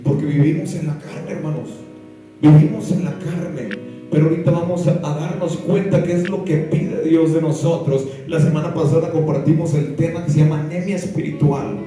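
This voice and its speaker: A man's voice: fairly high pitch, moderate pace, mellow. A man with a Mexican Spanish accent preaching an impassioned sermon, now and then singing lines of a hymn and acting out the voices he quotes. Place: church hall. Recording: echoey church hall, mic at a distance, faint music.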